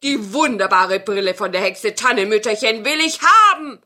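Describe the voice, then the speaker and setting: A woman voicing an evil male wizard from a fairy tale, booming, slow and threatening. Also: expressive, bright, forceful tone. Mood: blustering.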